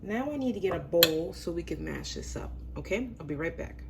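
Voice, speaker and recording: A woman's voice: on the low side, lively intonation, a little fast, creaky, background noise. A woman hosting a casual cooking demonstration, chatty and self-deprecating, with a voice that sounds a little under the weather. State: under the weather, voice affected by illness. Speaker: host of a home cooking show. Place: home kitchen.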